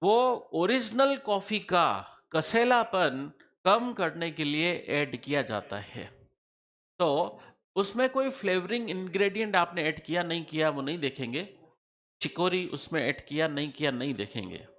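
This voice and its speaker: A middle-aged man lecturing a class on tax law, in a high-pitched voice. His tone is bright and forceful, and he keeps repeating the key percentages. He throws quick questions at his students to check they are following. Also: big pitch swings. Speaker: tax teacher.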